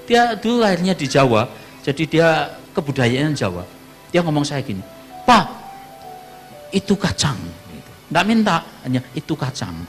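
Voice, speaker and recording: A pastor from Java preaching a sermon and telling a personal testimony, his voice jumping high when he quotes people, with frequent laughter. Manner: storytelling, animated voice jumps high for quoted speech, laughs often.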